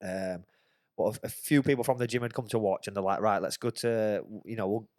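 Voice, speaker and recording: Speaking fairly quickly in a voice on the low side, a man on a podcast shares a lively anecdote loaded with swearing. As host, he keeps it casual and storytelling-focused, and the studio-quality recording has no echo.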